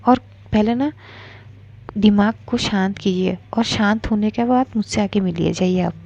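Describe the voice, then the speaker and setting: A woman's voice: mid-range voice, unhurried, gravelly, mellow, muffled recording. Woman doing a curt, stern female boss. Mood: irritated. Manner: curt, commanding.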